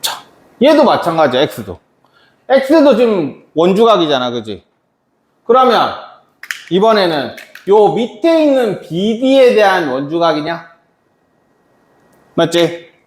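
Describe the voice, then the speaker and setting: A man's voice: high voice, very animated, slow pace, pauses often. A man teaching a math lesson to a class, chatty and quizzing students by name. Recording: echoey classroom.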